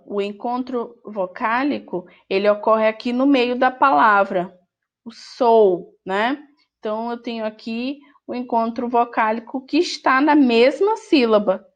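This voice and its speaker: A woman's voice: on the high side, unhurried. A woman teacher with a Brazilian Portuguese accent, correcting a workbook in an online lesson, who speaks patiently and repeats each word. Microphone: screen recording with voice-over.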